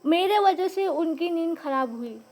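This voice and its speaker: A woman's voice: very high voice, animated, moderate pace, darkish tone. A woman telling a personal story in a casual, dramatic way, repeating phrases for emphasis and mixing in English words. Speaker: vlogger.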